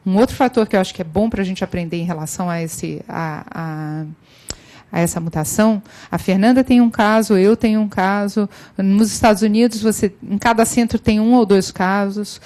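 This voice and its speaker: A woman with a Brazilian accent, a physician presenting a case in an online clinical meeting. Her voice is mid-pitched, and she hesitates often, filling pauses with "é". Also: mellow. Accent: Brazilian Portuguese. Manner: hesitant, many "é" fillers.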